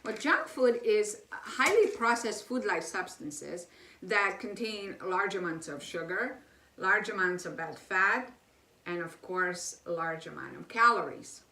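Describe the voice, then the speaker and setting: A woman's voice: medium pitch, pushed and bright, roomy sound, recorded from a distance. A woman hosting her own health channel, explaining diet science in a chatty lecture with rhetorical questions and fillers. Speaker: health educator channel host.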